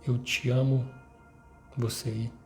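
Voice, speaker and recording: A man's voice: mid-range voice, little pitch movement, slow pace. A young man in his twenties with a Brazilian Portuguese accent, giving an earnest personal faith testimony to his viewers and repeating phrases as he urges them on. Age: 20s. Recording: roomy echo, faint music behind.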